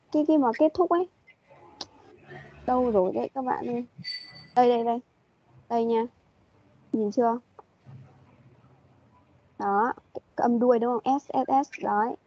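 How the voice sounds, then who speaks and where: A woman's voice: a little high, husky. A woman teaching an online English class, patiently prompting and repeating her questions over a video call. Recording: dull lo-fi meeting audio.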